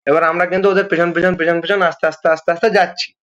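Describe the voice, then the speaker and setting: A man's voice: sits high, flat delivery, very fast, a bit bright, highs cut off. A man telling a ghost story in a casual chat, repeating phrases for effect. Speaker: guest storyteller.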